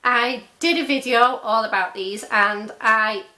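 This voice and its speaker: Young woman, beauty vlogger, slightly hoarse, fairly high bright voice, chatty and gushing. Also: unhurried. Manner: chatty and gushing, many fillers. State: losing her voice. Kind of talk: casual product review vlog.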